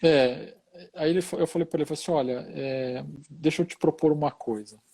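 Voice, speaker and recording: A man's voice: on the high side, a little fast, warm tone. A middle-aged Brazilian man, a hospital chaplain, telling a story in an easygoing, casual conversation and tagging many phrases with short questions.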